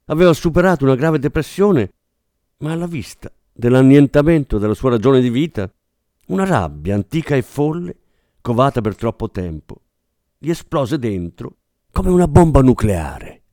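A man reading a novel aloud as an audiobook narrator, expressive and dramatic. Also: medium pitch, normal speed, no echo, studio quality. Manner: expressive, dramatic, does character voices.

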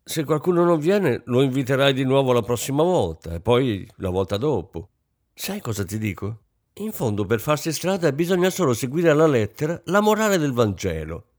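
A man reading an audiobook, voicing a blunt, self-satisfied middle-aged businessman who talks gruffly and offhandedly. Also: mid-range voice, sing-song, normal speed, no room sound, studio quality, pitched above the performer's own voice, lightly acted. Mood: offhand. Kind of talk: audiobook character voice.

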